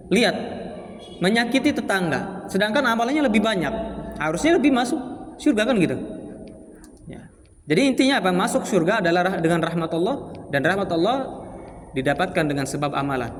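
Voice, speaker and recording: A man with a high voice gives a relaxed religious lesson, asking his listeners questions and answering them himself. He reads short Arabic phrases and explains them plainly. His voice carries a long reverb from a large mosque hall. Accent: Indonesian, Palembang. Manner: asks the audience rhetorical questions and answers them; explains Arabic text phrase by phrase in casual Indonesian. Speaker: ustadz teaching a mosque study circle. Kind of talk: Islamic study lecture.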